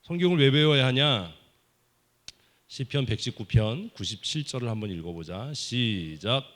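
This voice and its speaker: A man preaching a children's sermon at a summer Bible school service in a church, playfully teasing and quizzing the kids with quick questions. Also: mid-range voice, expressive. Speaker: pastor. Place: church sanctuary.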